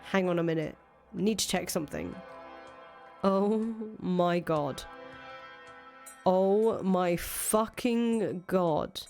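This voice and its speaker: Voicing an ousted rebel leader in a visual novel, a woman reads dialogue of the character thinking aloud, cynical and foul-mouthed, in casual, profane speech. She sounds suspicious and agitated, her low, slightly mellow voice going slowly with frequent pauses. Music plays beneath her.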